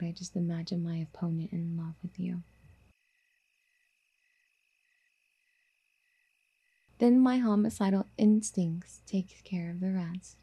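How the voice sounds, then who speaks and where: A female performer voices an obsessive, doting yandere girlfriend in an ASMR audio drama. Her medium-pitched delivery is very soft, mellow and breathy, affectionate and coaxing, with a possessive streak and a protective, possessive mood throughout this intimate roleplay.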